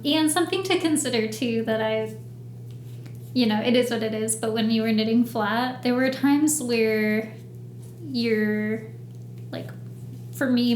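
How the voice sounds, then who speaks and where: A woman's voice: a little high, slight background noise. A woman co-hosting a podcast in a chatty, rambling casual chat. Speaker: podcast co-host. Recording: echoey room.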